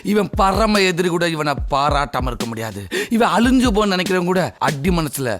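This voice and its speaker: An actor playing a scheming comic sidekick in a film, talking in an excitable, theatrical way. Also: male voice, high voice, moderate pace, soft background music. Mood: sly. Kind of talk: film drama dialogue.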